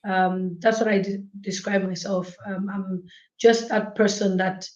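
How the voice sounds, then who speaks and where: A woman's voice: medium pitch, little pitch movement, unhurried. A young woman, answering interview questions in a chatty way with lots of ums. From Zambia. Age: young adult. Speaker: guest, blogger. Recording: echoey dull remote call audio.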